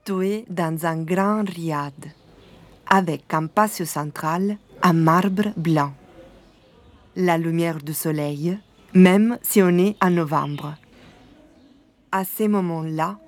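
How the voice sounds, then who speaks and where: A woman from southern Italy giving calm, measured scripted documentary narration. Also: on the low side.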